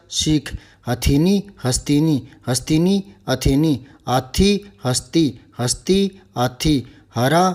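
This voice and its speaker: A male Hindi teacher leading a vocabulary lesson, reciting word pairs over and over in a steady, rhythmic drill. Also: on the high side, roomy sound.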